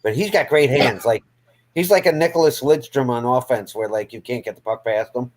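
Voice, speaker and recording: A man with an ordinary mid-range voice chats on a hockey podcast. He talks in an easygoing way, naming players with small pauses and ums. The delivery is relaxed and conversational. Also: mid-range voice. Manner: easygoing, listing prospects with hesitations. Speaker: podcast co-host. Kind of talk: casual hockey chat.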